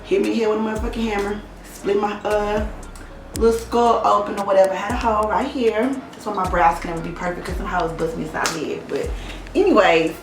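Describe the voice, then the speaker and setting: Speaking a little fast with medium pitch and fairly even intonation, a young woman from Oklahoma bluntly tells an interviewer about her difficult past, cursing freely in a frank, casual manner. She is recorded from a distance, off-mic, in a room with echo and faint background music.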